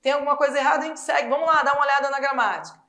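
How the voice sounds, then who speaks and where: Chatty high-voiced woman teaching a class. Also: rapid-fire. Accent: Brazilian Portuguese. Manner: lively, chatty explaining with rhetorical questions. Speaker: Portuguese teacher. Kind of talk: exam-prep lesson.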